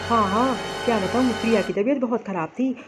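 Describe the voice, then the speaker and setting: A woman's voice: fairly high pitch, a little fast, music in the background, close to an everyday voice. A woman voicing a kindly, reassuring father who soothes his crying daughter in a cartoon story. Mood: soothing. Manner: coaxing, reassuring.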